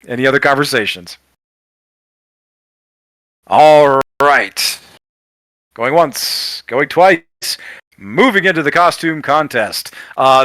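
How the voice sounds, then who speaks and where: A man narrating as game master of a tabletop game, quick and playful, often laughing. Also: medium pitch, bright, forceful tone, no room sound.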